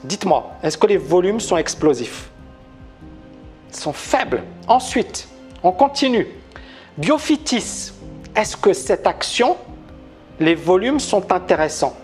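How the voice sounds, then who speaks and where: Male trading educator on a live stream, animated, emphatic, keeps asking the audience questions, faint music underneath. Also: high-pitched, takes it slowly, long pauses. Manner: talks to viewers, asks many questions. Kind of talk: live-stream market analysis.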